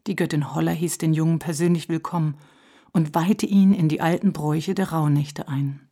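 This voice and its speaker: A woman narrating a children's storybook in a calm, measured reading voice. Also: low-pitched.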